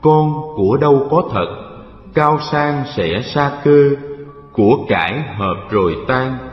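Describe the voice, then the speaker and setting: A man storyteller voicing a calm, wise Buddha, teaching in a measured fireside storytelling manner. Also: medium pitch. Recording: echoey hall reverb, dull sound, music behind.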